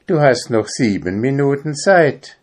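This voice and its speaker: A man's voice: mid-range voice, very animated, measured pace, darkish tone, voice pushed up. A storybook owl who grumbles and sets the others straight, speaking in a raised, dry, matter-of-fact voice, as a man puts him on. He sounds mildly put out. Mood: grumbling. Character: grumbling know-it-all owl.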